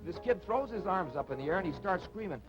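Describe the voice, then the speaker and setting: A hyped teammate telling a story, high voice all over the place, muffled old tv. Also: male voice, fast talker. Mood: animated. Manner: animated, lively storytelling. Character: animated, story-telling male ballplayer teammate. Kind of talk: 1950s live TV drama. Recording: dull old TV broadcast with music.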